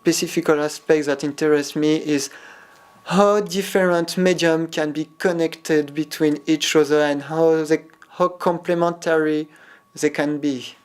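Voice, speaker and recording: A man in his twenties from France answers interview questions about his work as a producer. His voice is smooth and clear, and he picks his words with care, pausing now and then to find them. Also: on the high side, steady tone. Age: 20s. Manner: careful, searching for words.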